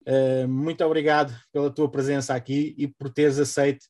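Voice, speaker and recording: A man speaking as host, giving an informal welcome with halting, drawn-out hesitations. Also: medium pitch, flat delivery, darkish tone. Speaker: host introducing a guest.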